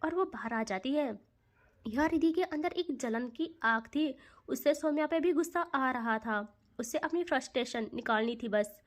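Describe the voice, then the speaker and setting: A woman narrating a romantic audio story in a soft, emotional, dramatic manner. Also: high voice, lively intonation, a little slow.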